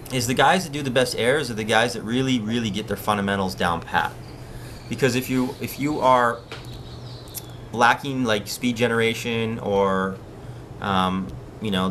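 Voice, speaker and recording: A Hawaiian man runs a casual surf live stream, chatting easily and answering questions from viewers. His voice is low, with a faint outdoor ambience and slight background noise underneath.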